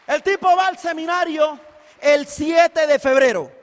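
A man from Costa Rica giving an animated, energetic seminar talk to a live audience, acting out dialogue in his stories and often shouting. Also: very high-pitched, unhurried. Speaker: motivational seminar speaker. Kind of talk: energetic stage storytelling. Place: large hall before a live audience. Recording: echoey hall with long reverb.

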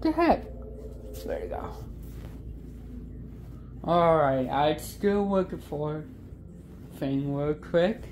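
A woman vlogging casually from her phone, exclaiming often in excitement. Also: sits low, drawn-out words, long pauses, slight background noise. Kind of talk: casual vlog talk.

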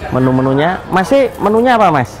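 A man's voice: high voice, fairly quick. A man, hosting a culinary vlog and greeting viewers with religious phrases. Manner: lively, religious greetings, chatty with vendors. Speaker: culinary show host. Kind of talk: presenting to camera. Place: street outside a mosque, then small food court indoors. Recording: noisy street and shop background.

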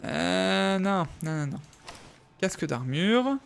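A man's voice: high-pitched, expressive, takes it slowly, vocal fry, smooth. A young man casually commenting on his game live, thinking aloud and answering viewers in chat. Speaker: streamer.

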